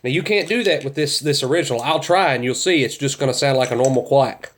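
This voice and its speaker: A man's voice: mid-range voice, fast. A man gives informal instruction in a plain-spoken, folksy way as an experienced outdoorsman. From central Kentucky, United States. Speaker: duck hunter teaching calling techniques.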